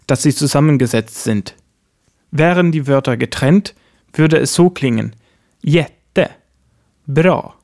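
A man hosting a scripted language-lesson podcast, slowly and carefully spelling out example words. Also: mid-range voice, a little mellow. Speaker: language teacher host.

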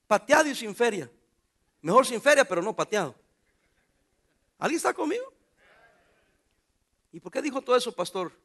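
A man's voice: very high voice, moderate pace, pauses often. A man preaching a sermon as pastor, joking and calling out to the congregation. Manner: animated preaching with jokes and calls to the congregation.

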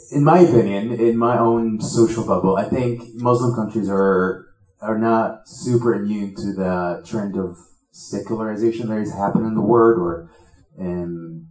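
A man from Tunisia asking a question from the audience, hesitant with many pauses and ums. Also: sits low, darkish tone, reverberant, rough recording.

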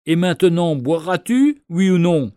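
A man's voice: on the high side, lively intonation, measured pace, dark tone, smooth, no echo, clean studio sound. A man voicing a harsh ship captain who barks orders in a storybook tale. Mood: stern. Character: stern gruff ship captain, middle-aged man.

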